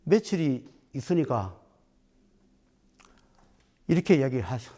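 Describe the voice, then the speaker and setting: Lively-voiced man telling stories. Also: mid-range voice, slow. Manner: recounts stories acting out quoted dialogue. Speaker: Buddhist dharma teacher. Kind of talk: storytelling talk.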